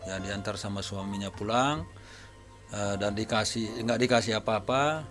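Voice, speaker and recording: A man preaching to his congregation as a pastor, telling anecdotes from his visits in a relaxed, conversational way. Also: on the low side, normal speed, music in the background. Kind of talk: sermon testimony to a congregation. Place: church service.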